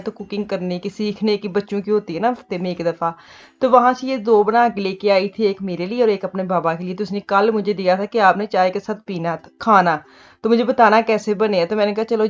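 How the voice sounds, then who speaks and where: A woman's voice: medium pitch, muffled recording. Chatty Punjabi-accented woman vlogging at home. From Pakistan. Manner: chatty, laughs often, mixes Punjabi words into her talk. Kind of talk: casual chat. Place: home kitchen.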